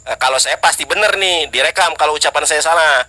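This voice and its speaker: A man's voice: fast talker, bright, forceful tone. A Sundanese man debating on a video call, pressing and challenging the other side. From West Java, Indonesia. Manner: challenging, insistent, chants scripture in high sung tones. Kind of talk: live debate.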